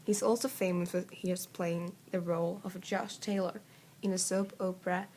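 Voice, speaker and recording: A woman's voice: on the low side, level tone, moderate pace, warm tone, slight background noise. A teenage girl with a Swedish accent reads a school presentation in English, with small slips. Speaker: student presenter. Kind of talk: school presentation read aloud.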